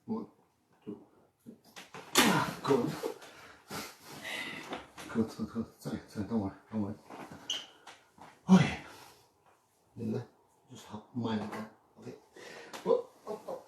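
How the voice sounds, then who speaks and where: Male massage therapist, calm, keeps saying don't worry, roomy room, mic far off. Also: fairly low pitch, measured pace, pauses often. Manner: reassuring, repeats "don't worry", counts aloud. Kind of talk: casual talk while treating a client. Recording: roomy room, distant mic, faint noise.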